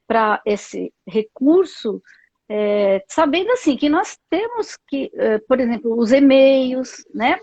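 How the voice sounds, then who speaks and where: A Brazilian woman psychologist speaks on a live video interview. Her voice sits high and carries a husky edge, dry and close. The call audio is dull and lo-fi. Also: dry recording. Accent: Brazilian Portuguese. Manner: thoughtful, many fillers and tag questions. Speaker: psychologist guest.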